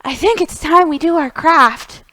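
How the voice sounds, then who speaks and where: A woman running a library storytime reads aloud and explains things to young listeners, addressing them directly and encouragingly. Her high voice is unhurried, pushed, and bright, and the recording quality is low.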